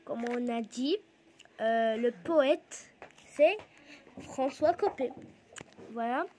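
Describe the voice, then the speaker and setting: A woman with a North African French accent, a schoolteacher reading a poem aloud to pupils slowly and deliberately, stopping to point out commas and full stops. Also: on the high side, a little hiss or hum. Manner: slow and deliberate, pausing to point out punctuation; reads poem lines louder and more emphatic. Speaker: primary school teacher.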